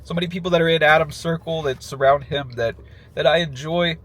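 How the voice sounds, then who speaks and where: A man speaking casually and emotionally in a heartfelt personal tribute, halting as he goes, sad in his farewell. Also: on the high side, steady tone, a bit bright. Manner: emotional, halting, with nervous little laughs breaking into phrases.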